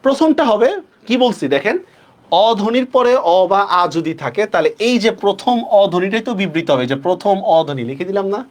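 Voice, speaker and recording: A male teacher leads a pronunciation lesson with a lively, rising and falling voice. He pitches it a little high. He slows right down on the key rules and keeps checking in with his students. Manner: asks students frequent check-questions; stretches words slowly when stressing rules. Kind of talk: online class lecture.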